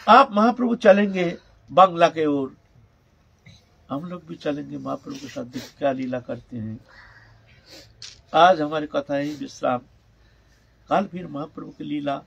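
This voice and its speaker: Slow gravelly older male preacher. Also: a little high, fairly bright tone. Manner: emphatic, drawn-out phrases, frequent "hain" tags. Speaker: spiritual teacher. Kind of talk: devotional storytelling discourse.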